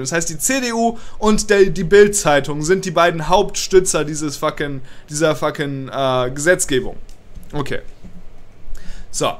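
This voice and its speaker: Holed up in a small room with a cold, a young man who does political commentary reads a law aloud and rants over it, agitated, swearing and blending in English words. His voice is high and a little bright.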